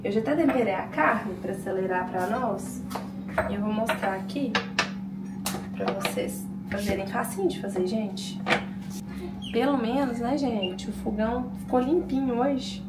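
A woman's voice: fairly high pitch, unhurried, far from the mic. A woman, a mother chatting casually to her viewers at home as she vlogs. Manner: chatty, addresses viewers often. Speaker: vlogger mother. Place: family home, kitchen and bathroom. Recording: echoey home room with background noise.

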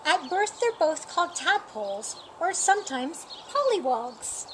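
Reading a children's picture book at storytime, a middle-aged woman speaks in a voice that sits high, taking a deliberate, expressive approach. The setting is a sunny yard near a painted wall, and outdoor noise and birdsong fill the background.

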